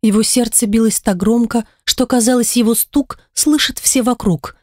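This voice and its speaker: A woman's voice: a little high, steady tone, moderate pace, a little mellow, no room sound, studio quality. A woman reading an audiobook in first person, with an emotional, intimate storytelling manner. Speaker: audiobook narrator. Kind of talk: scripted first-person narration.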